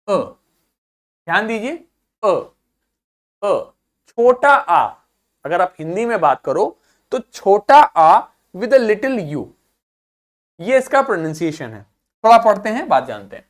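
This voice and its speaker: A man teaching a video lesson, who repeats himself, checks in with the viewer often and sounds words out slowly. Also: sits high. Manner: repetitive, keeps checking in with the viewer. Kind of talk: classroom-style video lesson.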